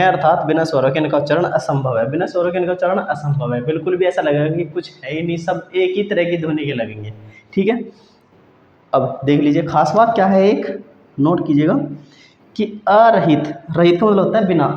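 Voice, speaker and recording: A man teaching Hindi grammar for exam preparation, his voice sitting slightly high as he explains each point patiently. He asks questions and answers them himself, repeating key points over and over. The recording is roomy with a long reverb tail, dull in tone, with faint background hiss. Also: darkish tone. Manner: repetitive, explanatory, keeps checking in with "ठीक है दोस्तों". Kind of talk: exam-prep grammar lesson.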